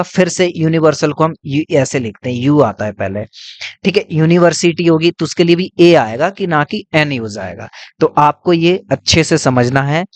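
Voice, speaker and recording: A man gives a patient grammar lesson in a fairly high voice, recorded close and dry with no room sound. He works through examples step by step. He keeps putting questions to the class and answering them himself as he writes. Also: darkish tone, dry recording. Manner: explains step by step, often asks and answers his own questions; writes on a board while talking. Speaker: English teacher.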